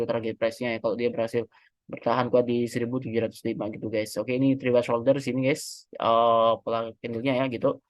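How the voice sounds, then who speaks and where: Seorang pria Indonesia membahas analisis teknikal saham dengan santai, sering mengoreksi angka dan memakai banyak kata pengisi. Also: male voice, medium pitch, no room sound. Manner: chatty, self-correcting, many fillers. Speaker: stock market analyst. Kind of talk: casual technical analysis walkthrough.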